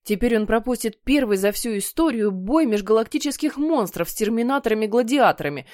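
A woman narrating a children's story in a lively, playful way. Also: a little high, brisk, dry recording, clean studio sound. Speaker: audiobook reader.

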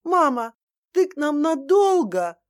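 A woman's voice: sits high, big pitch swings, slow pace, pitched above the performer's own voice, full character voice. A woman voicing a mild young husband pleading with his mother.

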